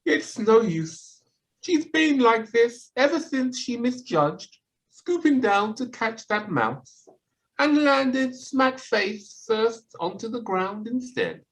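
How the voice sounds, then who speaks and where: Woman playing a high-voiced, grumbling husband owl. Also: animated, slow, rough recording. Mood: dry, resigned. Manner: dry, exasperated. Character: grumbling, long-suffering old married male owl. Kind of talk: community audio play of children's classic. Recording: home video-call recording.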